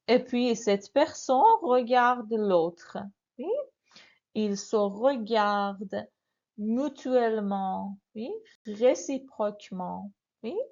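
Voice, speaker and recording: A woman's voice: mid-range voice, a little mellow, muffled recording. A woman teaching a beginner French grammar lesson. She repeats each form and keeps checking in with "n'est-ce pas?". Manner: very slow, repeats words, often asks "n'est-ce pas?".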